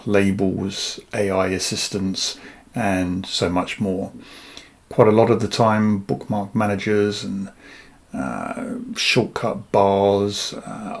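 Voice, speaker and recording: A man half whispering as he casually talks through his software project, thinking aloud with frequent fillers. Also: on the low side, creaky. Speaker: software developer vlogger. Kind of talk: casual screen-share walkthrough.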